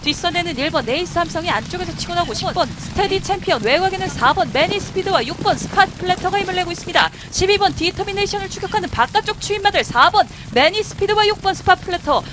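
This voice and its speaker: High, rapid female race caller. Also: animated, noisy background. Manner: rapid play-by-play calling of numbers and names. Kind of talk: horse race commentary.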